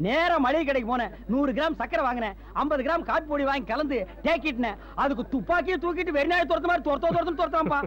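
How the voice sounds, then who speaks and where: Bragging film comedian, high-pitched, boastful delivery. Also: male voice, fast, few pauses, fairly bright tone, highs cut off. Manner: bragging, chuckling. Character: boastful Tamil man who fooled a foreigner.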